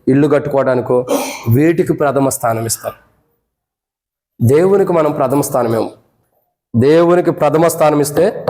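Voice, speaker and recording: A high-pitched man with a Telugu accent, preaching to his congregation. He keeps asking rhetorical questions and swings from ringing exclamations down to hushed, low remarks. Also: low-quality recording. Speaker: pastor. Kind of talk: sermon. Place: prayer hall.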